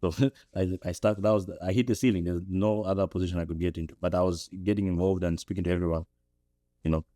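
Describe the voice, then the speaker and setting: Recorded dry and clean on a studio podcast mic, a young Zambian podcast guest speaks at a quick pace. His reflective interview answers are thoughtful and full of restarts, and his pitch climbs when he gets animated.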